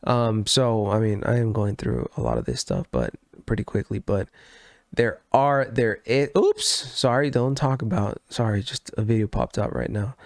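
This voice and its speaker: A man's voice: on the low side, animated, normal speed, gravelly, no echo, studio quality. A sick, congested man hosting a gaming news podcast, talking casually as he rambles, corrects himself and swears freely. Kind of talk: casual solo news commentary.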